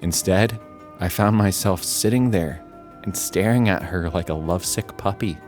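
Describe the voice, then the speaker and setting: A man's voice: low-pitched, moderate pace, a little mellow, soft background music. A man narrating a horror story in a wry, self-deprecating storytelling manner.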